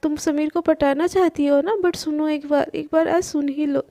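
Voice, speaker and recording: A woman voicing an anxious young woman in love who turns sharp and accusing in defence of her boyfriend. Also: high-pitched, fairly even intonation, normal speed. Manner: pleading, then sharp and accusing.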